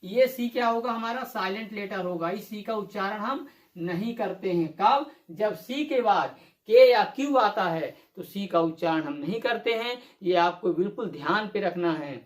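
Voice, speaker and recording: With lively intonation and at normal speed, a patient English teacher walks through a video lesson classroom-style, step by step. A medium-pitched voice repeats every rule and asks the viewer questions before answering them, echoing around a roomy space.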